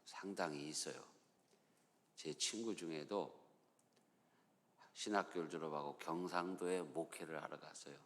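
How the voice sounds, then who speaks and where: A man's voice: low voice, in a large hall. A male pastor with a Chungcheong accent, preaching a sermon in a folksy, storytelling way in a church. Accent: Chungcheong Korean. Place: church sanctuary.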